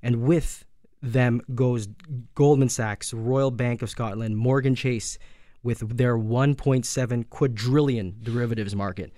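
A man's voice: medium pitch, steady tone, measured pace, warm tone, no echo, clean studio sound. A man co-hosting a finance radio show, earnestly reading out news reports and weighing in on them. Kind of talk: casual radio talk on finance.

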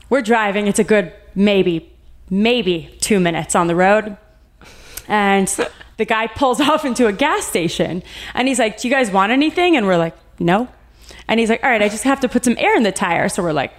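A young woman chatting casually as a podcast guest, telling a story with quick laughs and acted-out quotes. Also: mid-range voice. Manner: animated storyteller, laughs often, acts out quotes. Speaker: guest, recent bride.

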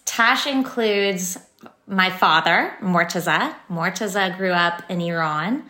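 A San Francisco startup founder in her thirties tells her story as a podcast guest, upbeat and chatty with many fillers. Her voice sits on the low side, slow, bright and forceful. The room is echoey.

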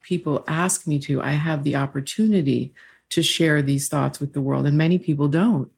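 Gravelly, husky-voiced woman guest. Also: sits low, moderate pace, darkish tone. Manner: reflective, earnest storytelling. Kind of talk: podcast conversation.

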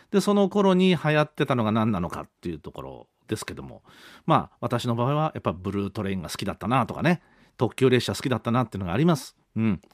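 A man's voice: mid-range voice, dry recording, studio quality. A man in his fifties, a radio host, reading listener mail in a chatty, polite, rambling way. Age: 50s. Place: radio studio.

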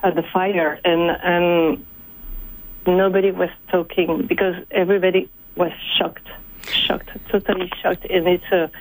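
A shaken woman in her forties with a French accent, a native French speaker giving an eyewitness interview and haltingly searching for English words. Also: lowish voice, flat delivery, poor audio. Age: 40s. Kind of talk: live radio interview.

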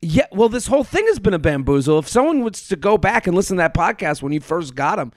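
A man's voice: sits high, very animated, quick pace, dry recording, studio quality. A man co-hosting a podcast in loose, casual conversation. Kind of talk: casual chat.

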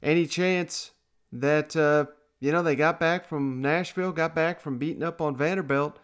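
A man with a fairly high voice hosts a sports podcast. He talks casually and conversationally, as with a friend. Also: steady tone, normal speed, clean tone. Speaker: podcast host.

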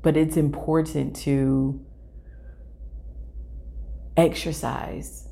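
A woman with a low, gravelly voice talks slowly and reflectively. Her tone is mellow and unhurried as she speaks straight to her listeners about hard feelings. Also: little pitch movement. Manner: earnest, thoughtful, speaks to listeners directly. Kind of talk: reflective personal talk.

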